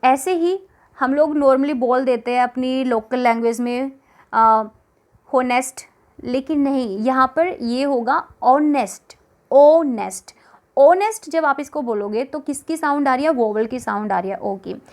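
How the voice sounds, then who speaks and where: A woman's voice: sits high, normal speed. A woman with a Haryanvi accent teaching an exam-prep grammar lesson, explaining patiently, repeating words and asking the class questions.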